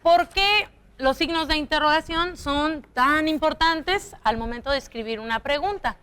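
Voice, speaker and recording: A young woman teaching a primary school lesson on television, patient and slow, stretching out example sentences to show how they sound. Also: sits high, fairly bright tone.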